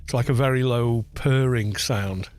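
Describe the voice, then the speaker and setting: A man with a baritone voice casually comments on his gaming live stream at an unhurried pace, relaxed and muttering to himself between remarks. He records on a low-cut studio microphone with game music behind him.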